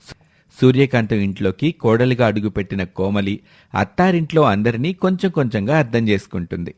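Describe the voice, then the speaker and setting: A man's voice: mid-range voice, expressive, a little fast, a little mellow. A man narrating a folk story in a scripted storyteller's lilt.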